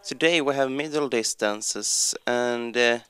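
A man presenting a sports report on a ski race, plain and halting with fillers. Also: medium pitch, a bit bright, clear, resonant tone.

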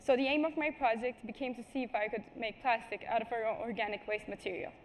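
Teenage girl, from Turkey, earnest stage talk, slightly high voice, faint room noise. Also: steady tone, fast. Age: teens. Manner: earnest, with small restarts and apologies. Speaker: student speaker. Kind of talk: prepared conference talk. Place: large stage before a seated audience. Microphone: headset mic.

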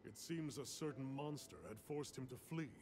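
A man playing a stern middle-aged guild commander, briefing in a formal, measured and deliberate way in a video game cutscene. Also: medium pitch, natural voice. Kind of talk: scripted cutscene exposition. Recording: noisy game audio under livestream.

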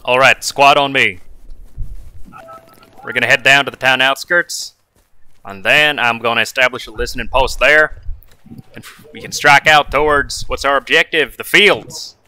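A man's voice: medium pitch, normal speed, long pauses, clear, resonant tone. A man playing a war shooter with friends, calling orders to his squad and cracking dry jokes. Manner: barks commands, animated, dry jokes. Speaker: squad leader in a shooter game. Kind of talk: casual gaming chat, calling orders.

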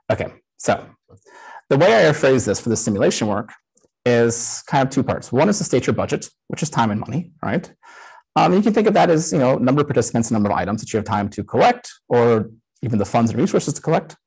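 Speaker, man in his 30s, husky voice that moves around a lot in pitch; relaxed live-coded talk through a headset. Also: a little fast, poor audio. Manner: casual, many "um" fillers. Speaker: conference speaker.

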